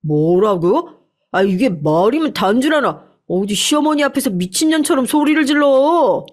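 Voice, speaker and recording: A woman voicing an angry, defensive husband who blusters and shouts back. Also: fairly high pitch, expressive, normal speed. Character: angry defensive husband, middle-aged man.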